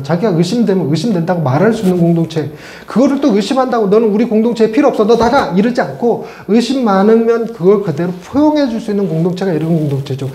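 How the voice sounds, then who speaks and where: A middle-aged male pastor preaching a sermon, chatty and animated, with playful asides to his congregation. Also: high voice. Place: church sanctuary. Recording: echoey church hall.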